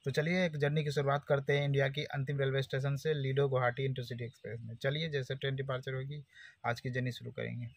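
A man's voice: medium pitch, level tone, quick pace, no room sound. A man in his thirties narrating a casual travel vlog on a train, chatting to viewers as friends while filming at arm's length. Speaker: travel vlogger. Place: train station and moving train, outdoors and by open window. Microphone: handheld action camera at arm's length. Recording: dull lo-fi sound with train noise.

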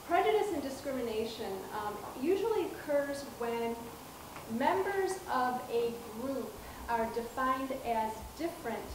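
A professor gives a public lecture to an audience from a dark auditorium stage with a projector screen, speaking softly and in a measured way with frequent ums and restarts. Her voice is high with big pitch swings. She holds a handheld mic but is recorded by a far camera, so the hall sounds distant and echoey with room noise.

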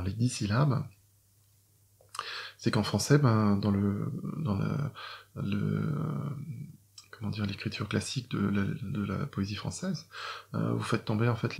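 A man's voice: lowish voice, vocal fry, darkish tone. A middle-aged French man, a doctor and poet, explaining to viewers how he writes classic Chinese verse, hesitant with many fillers and restarts. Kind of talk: explaining poetry writing to viewers.

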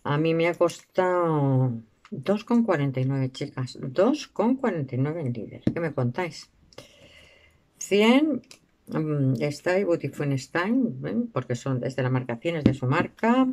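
A chatty woman talks straight to her camera about budget finds. She rambles warmly through fillers and asides, calling her viewers girls. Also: low-pitched, lively intonation, measured pace. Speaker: beauty and shopping vlogger. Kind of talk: casual product review.

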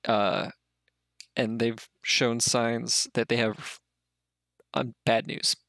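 A man voicing a polite, measured female fort official in a tabletop game. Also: a bass voice, fairly even intonation, vocal fry, a bit bright, dry recording, studio quality, heavily acted. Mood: calm.

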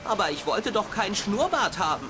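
Casting: woman as earnest, naive boy hero for a game, lively intonation, noisy ambience behind. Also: medium pitch, fairly quick, natural voice. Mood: curious, dismayed. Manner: innocent, expressive. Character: polite, earnest, naive young boy adventurer. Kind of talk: video game voice acting.

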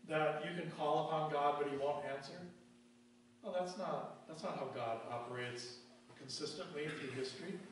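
A pastor preaching from the pulpit, his voice ringing through a very echoey church and picked up from some distance. He poses questions and answers them in a falling, quieter tone, and slows down to read verses aloud. A faint hum runs underneath. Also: mid-range voice. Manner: emphatic preaching, rhetorical questions answered with slow drops in volume; reads verses aloud in a slowed, deliberate cadence. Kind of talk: sermon. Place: church sanctuary.

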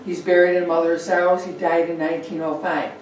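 A woman talks quickly in a low, darkish, fairly even voice during a chatty local history presentation over slides, complete with fillers and asides. Her meeting room has a projector, and the far room mic records very echoey audio carrying a little hiss or hum.

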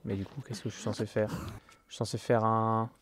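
A man's voice: fairly low pitch, little pitch movement, fairly quick, fairly bright tone, a little hiss or hum. Man grumbling through a game. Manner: thinks aloud, exasperated, swears at the game. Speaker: gaming YouTuber. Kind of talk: let's play commentary. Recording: game music playing behind.

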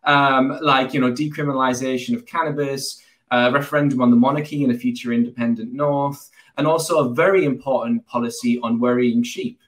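A man's voice: medium pitch, steady tone, brisk. Earnest, rambling man on a video call. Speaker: guest, party founder. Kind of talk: video-call political interview. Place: small room indoors. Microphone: headphones on a video call.

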